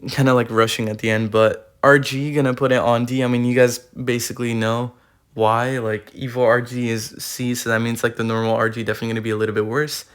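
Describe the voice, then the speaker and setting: A young man giving casual, slangy gaming commentary while ranking cards, full of fillers, his voice going a bit hoarse, recorded on a tablet. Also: mid-range voice, little pitch movement, fairly quick. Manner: rambling, slangy, filler-heavy. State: losing his voice. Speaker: gaming YouTuber. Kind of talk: casual tier-list commentary. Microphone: iPad recording.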